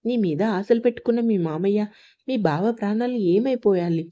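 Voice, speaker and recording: A woman's voice: mid-range voice, normal speed, mellow, dull audio, lightly acted. Harsh young husband, read by a woman. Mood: menacing. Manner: cold and threatening. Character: domineering angry young husband.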